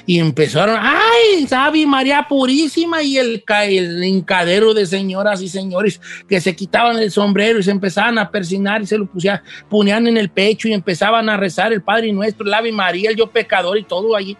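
A man's voice: high voice, steady tone, fairly quick, hardly any pauses, fairly bright tone. A man narrating a spooky folk tale in a loose, conversational way, dropping asides to the listener. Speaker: storyteller.

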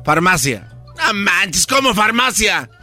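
A man's voice: high-pitched, slow pace, soft background music. A man telling jokes casually and reacting to his friends. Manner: lively, interjects and reacts. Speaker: friend in the group.

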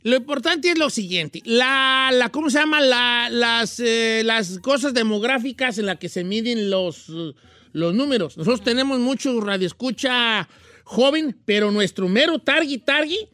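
A man's voice: extremely high pitch, unhurried, pushed and bright, no echo. A man hosting a comedic radio show, telling folksy, rambling stories and joking with his co-hosts. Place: radio studio.

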